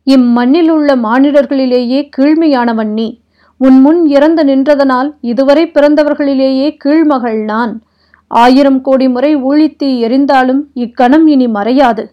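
A woman reading a proud young princess from an old epic, her voice high and intense. She speaks slowly, with raw passion. The sound is muffled and lo-fi. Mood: scornful fury. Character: proud young princess, pleading then furious. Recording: dull lo-fi recording.

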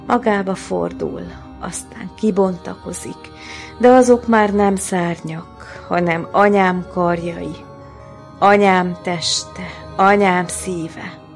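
A woman reads her own prose in a slow, measured, grave manner, her voice sitting a little low. Soft music plays faintly underneath. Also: fairly even intonation. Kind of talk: literary reading.

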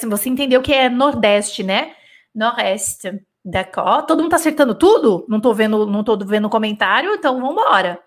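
A woman teaching a live French dictation lesson, explaining patiently and checking in with her students often. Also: fairly high pitch. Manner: explains patiently, switching between Portuguese and French examples; animated, with frequent checks like "né?" and "d'accord?".

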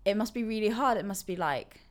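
A woman hosts a casual interview chat, warm and encouraging as she supports her guest. She speaks in an animated mid-range voice, a touch on the fast side.

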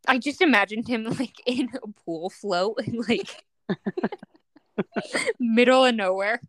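A young woman with a fairly high, lively voice chats giggly on a podcast, quick to exclaim. The sound is dry and close, with no room to it. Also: no echo. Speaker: podcast co-host, the skeptic. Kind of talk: casual podcast chat.

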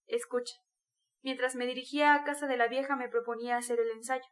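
A woman's voice: sits high, flat delivery, a little fast, natural voice. A woman reading the part of a brooding, tormented young male student in an intense, bitter confession.

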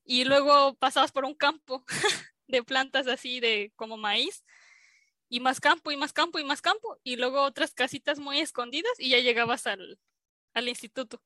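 A woman's voice: high-pitched, moderate pace, sharp tone, no room sound. A young woman with a Mexican accent, a scientist telling a story as an interview guest in a chatty way, full of fillers, acting out the dialogue she quotes. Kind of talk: casual storytelling.

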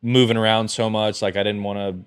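A man's voice: on the low side, little pitch movement, a little fast, smooth, dry recording, clean studio sound. A man in his twenties with an American accent, chatting casually about sports in frat-bro slang. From Florida and Georgia, USA. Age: 20s. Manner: frat-bro slang, full of dude, bro and sick. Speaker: podcast guest, sports videographer.

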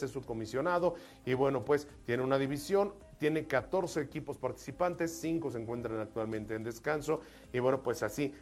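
A man from Mexico co-hosting a live talk show, chatty and jokey, slipping into little voices when he tells a joke. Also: medium pitch. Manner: jokey storyteller, acts out voices in jokes. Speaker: radio show co-host.

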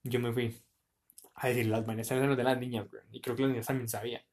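A young man with a Colombian accent, co-hosting a podcast and telling a school story in casual chat, animated and full of slang. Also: mid-range voice, quick pace. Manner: animated, slangy, tumbling narration. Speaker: podcast co-host.

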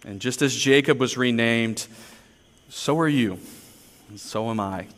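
A man's voice: mid-range voice, measured pace, fairly bright tone, in a large hall. A man preaching a sermon, telling personal stories in a conversational, earnest, self-deprecating way. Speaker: pastor.

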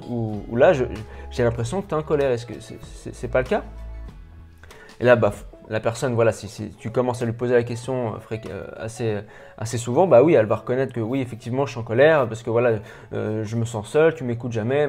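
A man's voice: medium pitch, darkish tone. A man with a French accent gives an improvised video lesson, talking straight to the viewer informally, stammering and restarting often. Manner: stammering, many restarts and repetitions, rambling. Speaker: personal development coach.

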